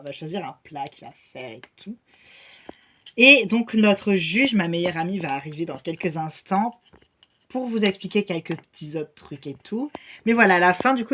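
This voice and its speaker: A woman's voice: medium pitch, a little hiss or hum, natural voice. Woman doing young host girl greeting everyone, lots of euh, rambly and chirpy. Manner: rambling, hesitant with fillers. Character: chatty young woman reality-show host.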